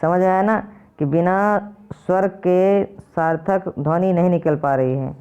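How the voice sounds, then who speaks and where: A man teaching a lesson, patiently repeating and slowly spelling out each sound. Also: high voice, fairly even intonation, dark tone, smooth. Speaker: Sanskrit teacher. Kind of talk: explanatory lesson to viewers. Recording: dull lo-fi recording.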